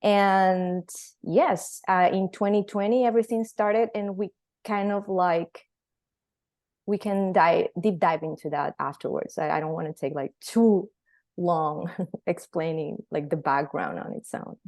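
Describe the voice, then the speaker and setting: Chatty woman from Venezuela, low-pitched. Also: a little slow, darkish tone. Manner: chatty, storytelling with many fillers. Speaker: guest, company founder. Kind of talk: casual interview answers.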